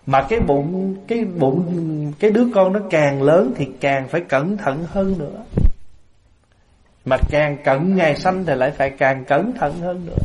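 Buddhist monk, fairly high-pitched male voice, lively storytelling sermon. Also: slight background noise. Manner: lively storyteller, acts out everyday scenes with laughter. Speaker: Buddhist monk giving a Dharma talk. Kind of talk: sermon to a lay assembly.

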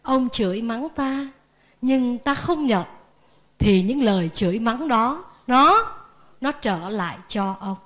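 A woman voicing a calm male sage, speaking slowly and softly. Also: a little high. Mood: serene.

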